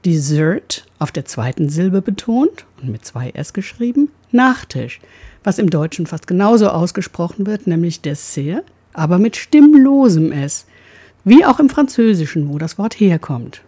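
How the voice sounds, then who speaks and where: A woman with a warm, slightly husky voice explains pronunciation in a precise way. Her pitch sits low but moves a lot, and she sounds out each example word as she goes. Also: big pitch swings, moderate pace. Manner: precise, demonstrates sounds aloud.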